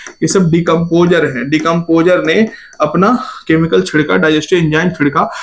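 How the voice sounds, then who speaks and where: A man's voice: on the high side, fairly even intonation, normal speed, low-quality recording. A man from India giving a biology exam-prep lecture. He quizzes his students by repeating each key term as a question and calls them "babu.". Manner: irritated by shouting outside. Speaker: biology teacher.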